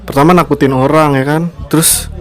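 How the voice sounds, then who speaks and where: A man's voice: on the high side, little pitch movement, a little fast, faint music behind. A young man co-hosting a casual chat podcast, talking animatedly and acting out quoted outbursts in a raised voice. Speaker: podcast co-host.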